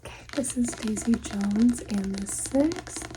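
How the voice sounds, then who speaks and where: A woman in an ASMR ASMR role-play, playing a polite, helpful librarian in a soft, breathy library soft voice with a gentle, attentive manner. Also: fairly high pitch, takes it slowly, noisy background. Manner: gentle, hushed, attentive customer-service talk. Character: helpful, polite female librarian recommending books to a customer.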